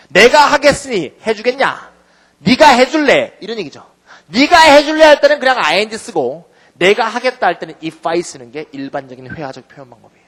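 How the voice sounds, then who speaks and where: A middle-aged man teaches grammar in a high, very animated voice that leaps up and down as he acts out example phrases. The room around him rings with a long reverb, and the recording sounds like a lecture hall. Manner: lively, swings pitch widely acting out example phrases. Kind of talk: recorded classroom-style lecture.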